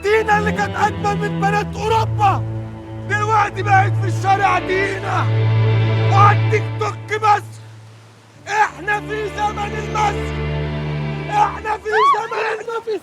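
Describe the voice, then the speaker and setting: A man's voice: very high voice, flat delivery, normal speed, over loud music. An actor playing a jealous, exasperated young man in an Egyptian drama, speaking with an Egyptian accent in short, baffled retorts. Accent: Egyptian Arabic.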